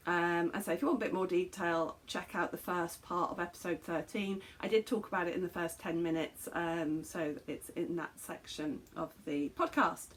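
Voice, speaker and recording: An Englishwoman in her fifties hosts a knitting podcast from a small bedroom craft room at home, chatting casually to a camera. Her voice sits on the low side with fairly even intonation, moving at normal speed with few pauses. She rambles, full of fillers and self-corrections.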